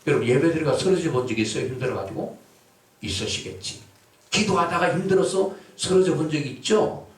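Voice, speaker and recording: A man preaching a sermon as pastor, calling out to the congregation and shouting out his examples. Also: on the high side, brisk. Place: church or prayer house hall. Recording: echoey hall, voice from far off mic.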